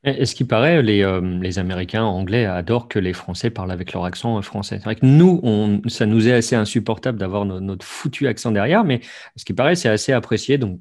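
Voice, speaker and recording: Man asking hesitant questions, lowish voice. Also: animated, quick pace, a little mellow. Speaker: podcast host. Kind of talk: casual interview chat.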